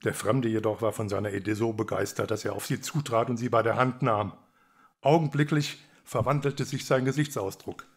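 A man's voice: on the low side, fairly even intonation, normal speed. A man from Germany reading his own satirical fairy tale aloud in a dry, ironic way.

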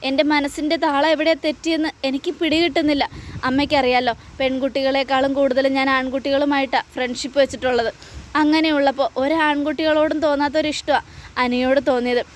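Brief: woman voicing a tearful young woman in a serial recap, high voice, earnest. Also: steady tone, quick pace, a little hiss or hum, lightly acted. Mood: pleading. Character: heartbroken young woman torn over love.

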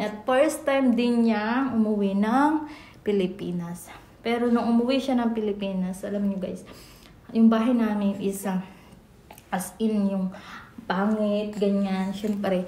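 A woman's voice: on the high side, dark tone. A young Filipino woman telling a personal story in a casual, rambling vlog with many restarts. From Philippines. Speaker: vlogger. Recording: echoey room, faint noise.

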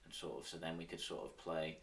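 A man with a Manx accent talks in a casual interview. His voice is low, and he sits a bit away from the mic. He phrases things loosely and informally, like someone recalling old times. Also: steady tone, fast talker, vocal fry, a bit bright, far from the mic, a little hiss or hum. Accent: Manx, Isle of Man. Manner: informal, with frequent "sort of" and "like". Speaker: interview guest, former professional cyclist.

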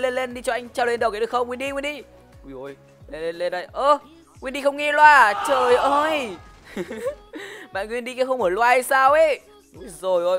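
A man calls his match as it unfolds, firing off exclamations and laughing readily. His voice is bright and forceful, with faint game music running underneath. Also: very high-pitched. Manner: excitable, full of exclamations and quick laughter. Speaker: gaming video host. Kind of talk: live gameplay commentary.

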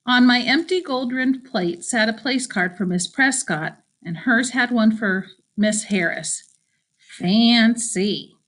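A woman's voice: fairly high pitch, expressive, slow pace, a bit bright. Wry woman narrating an audiobook. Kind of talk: first-person audiobook narration.

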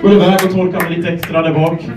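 A young Swedish man from Gävle doing a stand-up set, telling self-deprecating stories in a deadpan way and acting out the people in them. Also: fairly high pitch, noisy background. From Sweden, Gävle. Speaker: stand-up comedian. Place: comedy club stage. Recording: echoey club room, voice from a distance.

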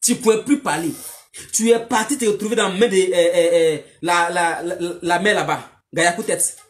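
A woman's voice: lowish voice, normal speed. A woman, delivering a mocking, scolding monologue aimed at a man, repetitive and emphatic. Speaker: online commentator.

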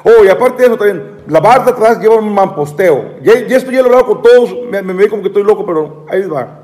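A man tells an aggrieved story on a live stream, stumbling over repeated words and restarting his sentences. His voice is high for a man. A long hall-like reverb trails behind him. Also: lively intonation, quick pace, a little mellow. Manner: repetitive, stammering, aggrieved. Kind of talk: rambling live-stream monologue.

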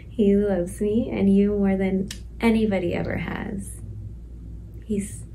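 A woman playing a pregnant sixteen-year-old girl in detention, speaking softly and slowly in a stage monologue, some lines whispered. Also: mid-range voice, creaky, slight background noise, poor audio. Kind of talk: stage monologue, letter to her unborn baby.

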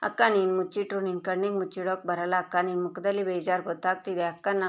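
A cheeky little schoolboy listing his many chores, read by a woman. The reading stays low and flat, a plain storybook-recap voice. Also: fast, natural voice. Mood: playful. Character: cheeky young boy, playful little brother.

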